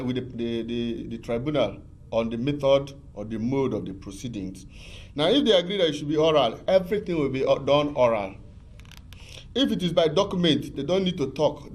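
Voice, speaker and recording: A man explaining arbitration law as a guest on a TV talk show, patient and repetitive, with many fillers and restarts. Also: a little high. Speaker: legal expert guest.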